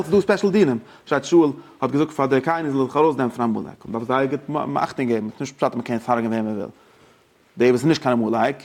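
A man giving an informal religious lecture, halting and searching for words as he explains, and dropping in English terms. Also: mid-range voice, darkish tone.

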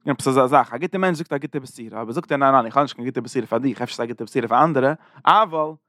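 Fast-talking male scripture teacher. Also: mid-range voice, fairly bright tone, no echo, studio quality. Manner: rapid, run-on explaining with many restarts; retells the story in plain everyday terms. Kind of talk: retelling a biblical chapter as a lesson.

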